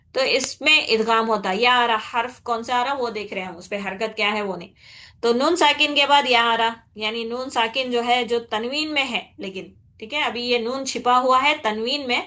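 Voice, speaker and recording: A woman teaching Quran recitation rules, patiently explaining and checking in with her students, then demonstrating with slow, drawn-out nasal recitation. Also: a little high, bright, forceful tone. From India. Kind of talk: tajweed lesson.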